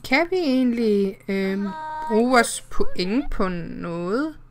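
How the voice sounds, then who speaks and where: A woman's voice: medium pitch, animated, a little hiss or hum. A woman in her twenties giving casual, chatty commentary while playing a life-sim game, giggling and cheering at small wins. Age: 20s. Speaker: let's play host.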